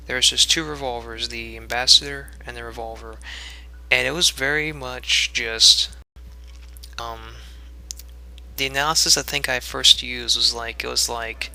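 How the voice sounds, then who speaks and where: A man's voice: medium pitch, vocal fry, pushed and bright. A young man giving casual commentary on his own gameplay video, rambling with many fillers and restarts and a little out of breath.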